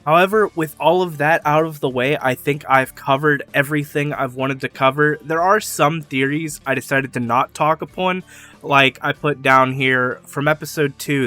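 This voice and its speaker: A young man runs his own YouTube theory channel, rambling excitedly through fan theories on his own in a loose, casual way. His mid-range voice has a sharp edge, and he laughs every so often while growing slightly hoarse.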